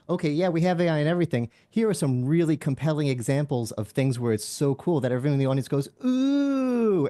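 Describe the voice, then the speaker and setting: A man on a tech analyst panel who talks with animated energy and acts out what others said. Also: a little high. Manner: animated, acts out quotes with rising excitement. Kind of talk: casual panel discussion.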